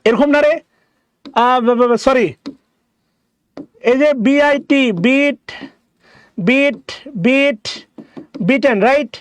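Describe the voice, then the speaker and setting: A man teaching a grammar lesson, explaining answers and repeating each word slowly for his students. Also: very high voice, steady tone, dry recording.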